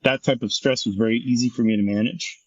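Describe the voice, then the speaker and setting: A man's voice: mid-range voice, fairly even intonation, fast talker, breathy edge, no room sound, lo-fi sound. A middle-aged man, a former firefighter and paramedic, telling his story frankly and intensely in an interview, swearing freely.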